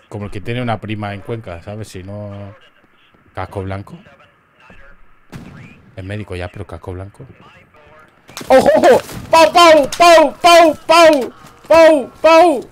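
A man with a Murcian Spanish accent giving casual, crude, joking commentary over a shooter game, often bursting into loud yelps. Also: lowish voice, slight background noise. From Murcia, Spain. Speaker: gameplay commentator.

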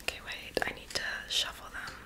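Young female ASMR performer, whispered role-play, close-up breathy whisper with tingly mouth sounds. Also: a little fast. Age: young adult. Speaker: ASMR performer playing a friend doing homework and makeup on the listener. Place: small bedroom, indoors.

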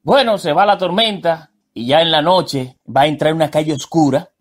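Male joke narrator, brisk and animated, high voice. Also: faint music behind. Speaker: joke teller. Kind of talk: comic storytelling on radio.

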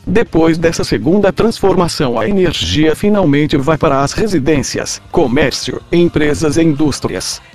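A man's voice: fairly high pitch, normal speed, few pauses, darkish tone, soft background music. A man doing a robot-voiced mad scientist. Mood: lecturing. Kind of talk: comedic scripted explainer.

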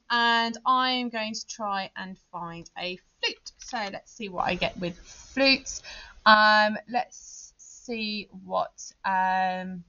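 English music teacher lady walking through a tutorial, lots of ums, bright tone, dull sound. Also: mid-range voice, extremely slow. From England. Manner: explanatory, thinking aloud with fillers. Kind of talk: screen-recorded software tutorial.

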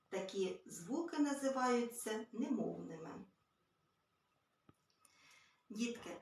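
A woman teaching a literacy lesson to small children, gently and patiently. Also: medium pitch. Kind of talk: early-years literacy lesson. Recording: very echoey room, far from mic.

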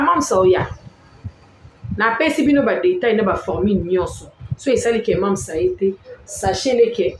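A woman from Congo, giving an animated gossip commentary, stressing and repeating her points with sudden rises in her voice. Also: medium pitch, reverberant, slight background noise, rough recording. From Congo-Kinshasa. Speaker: online celebrity-gossip commentator. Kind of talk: animated commentary vlog, mixing languages.

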